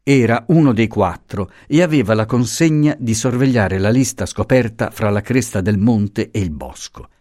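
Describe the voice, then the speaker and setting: Low, expressive male narrator. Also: moderate pace, dry recording, studio quality. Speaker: audiobook narrator. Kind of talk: scripted narration of a novel.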